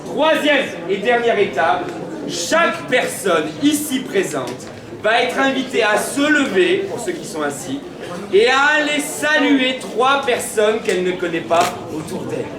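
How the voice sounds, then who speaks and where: A man's voice: sits high, sing-song, measured pace. A man speaking as a town crier, hosting a gathering with theatrical, declamatory and playful public proclamations. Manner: declamatory, playful, addressing the crowd. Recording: echoey, distant mic in a crowd. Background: crowd.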